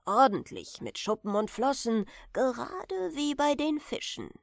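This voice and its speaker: A kindly old grandfather from a bedtime storybook, as a woman reader puts him on, talking slowly and thoughtfully in a dropped, gravelly voice. He lingers over each phrase with a soft, dry closeness. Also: sing-song, dry recording, heavily acted. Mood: solemn. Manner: slow, low, musing storyteller voice. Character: gentle old grandfather, a retired sea pilot.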